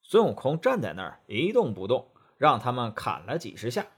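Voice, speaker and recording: A male storyteller narrates a children's tale with a lively, rising-and-falling voice. His tone is a little husky and breathy. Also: mid-range voice, moderate pace. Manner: expressive, animated telling.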